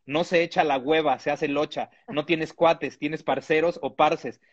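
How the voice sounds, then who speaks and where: A man's voice: on the high side, steady tone, unhurried, husky, dull audio. A man from Mexico, reading a humorous text aloud with comic asides and chuckles.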